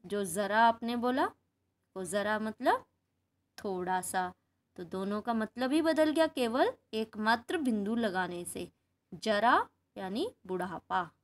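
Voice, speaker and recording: A woman teacher giving a Hindi grammar lesson, explaining patiently and asking the class questions. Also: medium pitch.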